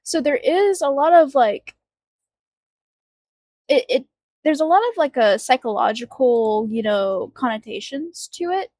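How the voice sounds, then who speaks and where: A woman's voice: high-pitched, animated, unhurried, darkish tone, no room sound. A woman co-hosting a podcast in casual chat, chatty and giggly, with many fillers. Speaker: podcast co-host.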